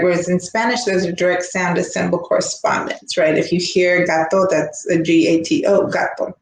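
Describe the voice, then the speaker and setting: Lower-pitched woman lecturing in an echoey room. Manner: explanatory, frequent "right?" check-ins. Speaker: teacher educator. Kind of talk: recorded lecture. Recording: echoey room with faint background hum.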